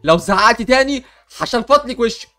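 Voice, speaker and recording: A man's voice: very high-pitched, lively intonation, fast talker, bright, forceful tone, faint music behind. A young man with an Egyptian Arabic accent, hosting an improvised game role-play with comic panic and bluster.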